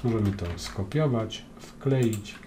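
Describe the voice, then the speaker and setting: A man's voice: fairly low pitch, takes it slowly, background noise. A man with a Polish accent narrating a screen-recorded coding tutorial, explaining step by step with frequent hesitant "e" fillers. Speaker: programming tutor.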